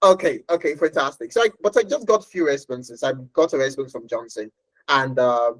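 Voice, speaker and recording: A woman's voice: a bass voice, normal speed, dry recording, low-quality recording. Chatty woman teaching a live online class. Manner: laughs often and checks in with "okay?". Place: home workstation.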